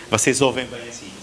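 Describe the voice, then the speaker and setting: A man from Portugal with a European Portuguese accent softened toward Brazilian, giving a university lecture with halting restarts and frequent tag questions into a microphone. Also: medium pitch. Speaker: visiting professor, lecturer.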